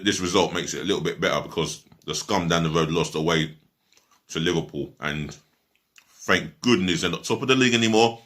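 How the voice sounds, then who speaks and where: Blunt low-voiced man reviewing a match. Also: sharp tone. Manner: blunt, swears freely, rambling with fillers; talks while eating. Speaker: football fan reviewer. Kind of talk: casual match review vlog.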